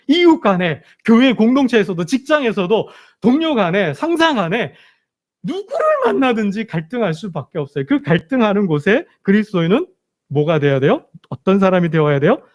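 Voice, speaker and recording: A male pastor preaching a sermon in a church, asking rhetorical questions and repeating emphatic phrases. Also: high voice. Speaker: senior pastor. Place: church sanctuary.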